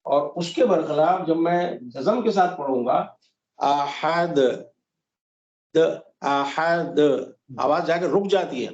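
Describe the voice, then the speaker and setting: A man teaching a Quran recitation class, patiently explaining rules step by step and slowly modeling the sounds. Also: on the high side, expressive, darkish tone. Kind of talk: online tajweed class. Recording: dull lo-fi roomy audio.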